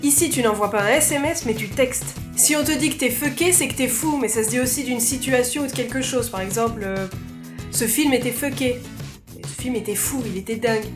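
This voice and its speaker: Woman vlogger, high voice, playful and chatty, music behind. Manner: playful, lively, self-mocking. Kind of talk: casual explainer vlog.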